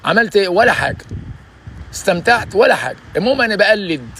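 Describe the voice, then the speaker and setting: A man's voice: high-pitched, very animated, quick pace, sharp tone, slight background noise. A man in his sixties with an Egyptian Arabic accent gives emphatic, preachy motivational advice in a casual vlog, often saying "ya basha". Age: 60s. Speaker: vlogger giving life advice.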